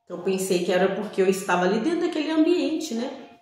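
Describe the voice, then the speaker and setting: A woman shares an emotional religious testimony, seated and speaking straight to her viewers. Her delivery is dramatic and emphatic, in a fairly high voice. The recording has a heavy echo from a hard, bare room. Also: very animated, fast talker, darkish tone. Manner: dramatic, emphatic storytelling, addresses viewers directly. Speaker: person giving a religious testimony. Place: seated on an old creaky chair. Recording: very echoey room.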